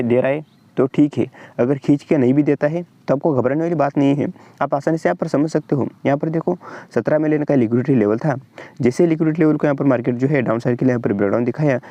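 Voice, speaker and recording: Fast-talking Indian man explaining charts. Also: mid-range voice, dark tone, dry recording, muffled recording. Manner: fast, repetitive explainer, keeps pointing at the chart. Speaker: trading channel host. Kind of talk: screen-share trading tutorial.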